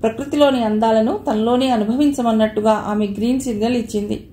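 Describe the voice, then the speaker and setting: Woman narrator reading a novel, smooth and steady, fairly high mellow voice, roomy echo. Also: fairly quick, a little hiss or hum. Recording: echoey room.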